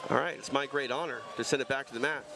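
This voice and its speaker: An upbeat male play-by-play voice calling grappling at a mid pitch. He sits at a commentary desk, with music playing clearly behind him. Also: steady tone, fast talker. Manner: upbeat, hands off to the mat announcer.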